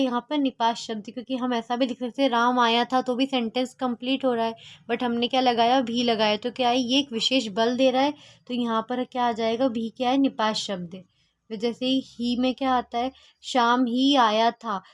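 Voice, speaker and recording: A woman's voice: on the high side, no room sound. A woman tutoring a grammar lesson, explaining each example and answering her own questions, with fillers and restarts.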